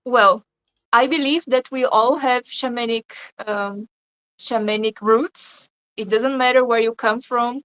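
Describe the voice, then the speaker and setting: A woman from Brazil with a fairly high voice talks through her answers slowly and reflectively, often stopping to search for words. She speaks as a guest on a remote call. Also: fairly even intonation, fairly bright tone, dull audio. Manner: reflective, hesitant with many ums and likes. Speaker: shamanic healer guest. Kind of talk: casual interview over a call.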